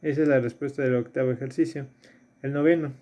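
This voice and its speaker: Un hombre, profesor de filosofía, da una clase a distancia y repasa ejercicios paso a paso. Repite los términos clave y pregunta "¿sí?" a menudo. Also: male voice, mid-range voice, steady tone, quick pace, dark tone. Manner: explains step by step, repeats key terms, checks in with "¿sí?". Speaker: philosophy teacher. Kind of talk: recorded remote lesson reviewing exercises.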